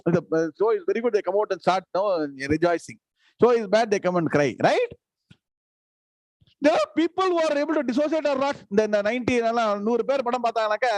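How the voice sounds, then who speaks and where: High-pitched South Indian man teaching scripture. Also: expressive, racing, no echo, rough recording. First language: Tamil. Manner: didactic, repeats phrases, checks understanding with questions. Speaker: spiritual teacher. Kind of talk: live scripture lecture with verse glosses.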